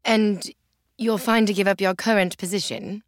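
An actress playing a composed, reserved young princess who speaks in a poised, formal way. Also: female voice, medium pitch, steady tone, moderate pace, dry recording, studio quality, lightly acted. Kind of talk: audio drama acting.

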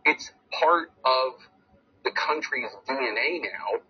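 A man anchoring a cable news show, speaking in a brisk, emphatic way. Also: medium pitch, expressive, breathy edge. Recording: muffled TV audio with hiss.

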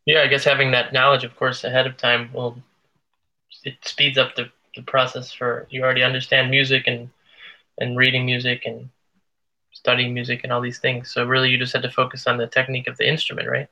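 A man's voice: mid-range voice, monotone, a little fast, sharp tone, muffled recording. A man hosting a casual interview, asking long, curious questions. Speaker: interviewer, tango dancer.

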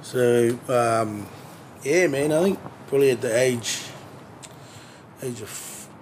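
A New Zealand musician, appearing as a guest in a casual interview, tells his story loosely, swearing constantly and laughing easily. His voice is medium-pitched, slow and darkish. The rough recording was made on an outdoor balcony with background noise.

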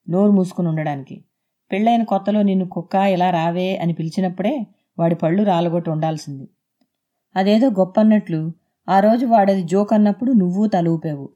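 A woman reading aloud voices a fierce, outspoken older mother who scolds loudly. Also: medium pitch, lightly acted. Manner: sharp, scolding. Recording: dull lo-fi.

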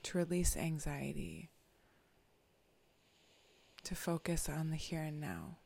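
A meditation guide leading a guided meditation, often whispering soft, calm instructions. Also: mid-range voice, takes it slowly, gravelly.

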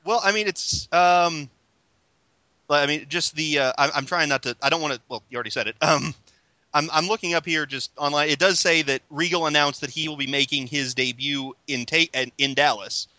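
A man's voice: a little high, a little fast, pushed and bright, no room sound. A man hosting a casual podcast chat, talking with lots of fillers and restarts. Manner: chatty, hesitant, many fillers and restarts. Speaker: podcast host.

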